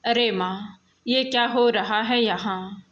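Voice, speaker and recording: A kind, protective young man, as a woman storyteller puts him on, asking concerned questions. The voice stays slow and even, like a storybook read. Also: medium pitch, lo-fi sound. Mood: worried.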